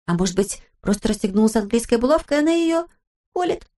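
Woman putting on a storybook girl, bold, impulsive, high and emphatic. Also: quick pace, close to an everyday voice. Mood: excited. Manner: excited, emphatic, tearful exclamations. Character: bold, tender-hearted girl, loud and impulsive.

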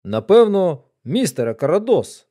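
A man voicing a loud, blustering older military colonel who speaks abruptly and exclaims. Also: high voice, big pitch swings, measured pace.

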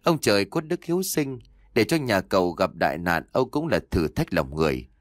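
A man's voice: low voice, very animated, fairly quick, no echo, clean studio sound. A man voicing a wise old exorcist master. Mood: calm instructive.

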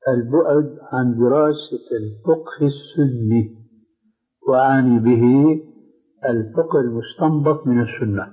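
Brief: man, calm explanatory scholar, mid-pitched, on a tinny old tape. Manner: measured, explanatory, checks understanding. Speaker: scholar answering questions. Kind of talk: religious question-and-answer session. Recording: narrow, phone-like old tape recording.

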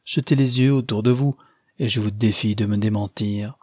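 Male reader as an earnest, anxious young gentleman; low, slightly husky, dry. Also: fairly even intonation, normal speed, dry recording. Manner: serious and confiding.

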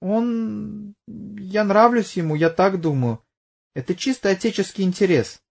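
Guy reading as a jumpy young woman who dodges questions, voice pitched way up. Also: unhurried, vocal fry, a little mellow, full character voice. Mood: evasive. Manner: evasive, hesitant, bursts out angrily. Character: young woman, defensive, quick to flare up.

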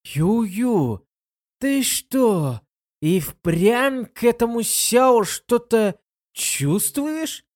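A reader voicing a bratty young girl who mocks and needles her friend in a high, lively voice. She swings her pitch all over as she teases. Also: moderate pace, dry recording, clean studio sound, close to an everyday voice. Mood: teasing. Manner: mocking, teasing.

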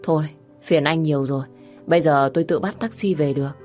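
Woman reading young mom, protective, scolding then teary, low voice. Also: brisk, a little mellow, faint music behind, lightly acted. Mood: reserved. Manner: scolding, then tearful pleading. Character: young single mother, protective and strained.

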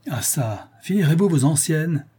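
A coarse, impatient bailiff's henchman, gruff and brusque, with loud raised outbursts, as a narrator puts him on. His tone is dark and husky. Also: mid-range voice, moderate pace, lightly acted. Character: rough male debt collector's officer, impatient and coarse.

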